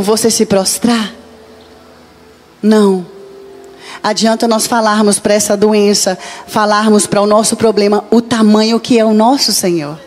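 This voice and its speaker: A Brazilian woman pastor preaching to a church, telling a personal testimony with animated storytelling and acted-out dialogue. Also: mid-range voice. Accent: Brazilian Portuguese. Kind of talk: testimony sermon.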